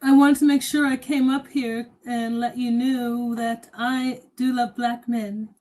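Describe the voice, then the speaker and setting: A high-voiced woman calling in, hesitant. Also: level tone, a little slow, darkish tone, low-quality recording. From Pittsburgh, Pennsylvania. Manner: hesitant, polite, with many fillers. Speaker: caller. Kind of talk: casual call-in chat.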